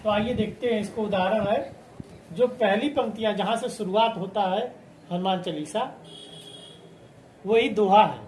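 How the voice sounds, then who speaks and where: A man's voice: high-pitched, measured pace, pauses often, a little mellow, slight background noise. A man teaching a lesson, explaining patiently and counting syllables aloud one by one. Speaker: Hindi teacher. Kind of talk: classroom lesson on poetic meter. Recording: echoey room with faint ambience.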